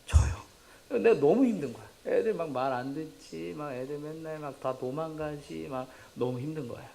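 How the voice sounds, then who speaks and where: A male pastor preaching a sermon in a church sanctuary. He tells a personal testimony in a lively, humorous way, acts out the dialogue and laughs at his own stories. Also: fairly high pitch, normal speed, vocal fry, a little hiss or hum.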